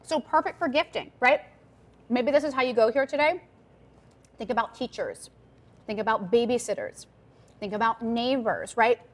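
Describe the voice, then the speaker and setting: A woman's voice: a little high, expressive, normal speed, long pauses. Upbeat woman TV shopping host. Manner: upbeat, chatty, salesy, repeats item numbers. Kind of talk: live TV shopping pitch. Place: TV studio.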